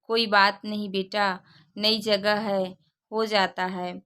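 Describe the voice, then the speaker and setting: A woman voicing a gentle, loving mother-in-law. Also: medium pitch, flat delivery, takes it slowly, smooth. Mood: affectionate. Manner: gentle, sweet-toned. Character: kind, affectionate middle-aged mother-in-law.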